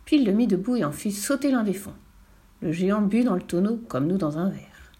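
Woman storyteller, lively playful read-aloud, mid-range voice. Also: mid-range voice, fairly quick, breathy edge. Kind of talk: storybook reading.

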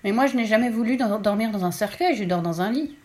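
A woman's voice: fairly high pitch, animated, fast, a little mellow, close to an everyday voice. A woman voicing a young vampire boy who talks plainly and digs in his heels. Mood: explaining.

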